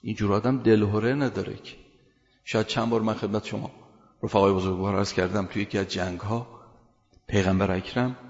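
Gravelly-voiced man preaching a sermon. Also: on the low side. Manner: earnest, builds emphasis with rising loud phrases. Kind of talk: sermon with storytelling. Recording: long hall reverb, dull lo-fi sound.

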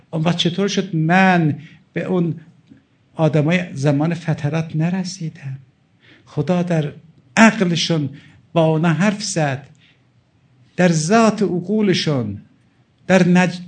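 Middle-aged man, cleric, sermon, emphatic, pleading, slightly high voice. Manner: emphatic, pleading, quotes Arabic texts. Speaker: cleric preacher. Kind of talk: religious sermon lecture.

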